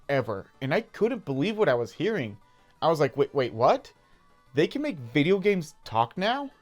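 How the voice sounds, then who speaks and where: Casting: conversational American male storyteller, 30s, medium pitch, nostalgic gaming narration over light background music. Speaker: video game YouTuber. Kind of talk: casual personal storytelling voice-over.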